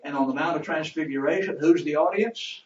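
A man with a fairly high voice teaches an interactive Bible lesson in a church classroom at a fairly quick pace. He quotes scripture, asks the class questions and waits for answers. The recording is roomy, distant and dull, with slight background noise.

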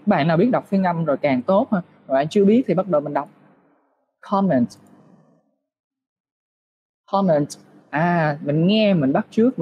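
Male English teacher, fairly high voice, patient step-by-step tutorial delivery, muffled desk-mic sound. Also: a little hiss or hum. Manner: patient, explaining step by step with rhetorical questions. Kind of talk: screen-share tutorial lesson.

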